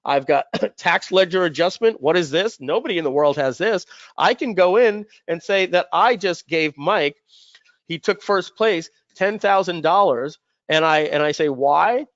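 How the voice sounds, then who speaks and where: A man presenting a software demo on a webinar in a chatty way, often acting out quick bits of dialogue. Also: fairly high pitch, no room sound, dull audio. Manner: chatty, acts out quoted dialogue. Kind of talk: webinar screen-share demo.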